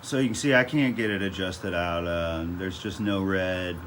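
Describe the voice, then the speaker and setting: A man giving a casual hands-on repair walkthrough as host, halting and thinking aloud as he works. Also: low voice, fairly bright tone. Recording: noisy fan hum over the voice. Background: whirring fan noise.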